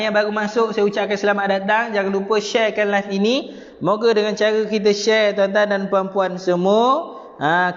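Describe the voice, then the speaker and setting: High-pitched malaysian guy teaching quran recitation live, repeats stuff a lot, muffled sound with a long echo. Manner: explains rules step by step, repeats phrases, addresses viewers directly; chants verses slowly and drawn out. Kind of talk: live online tajwid lesson. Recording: dull sound with long reverb.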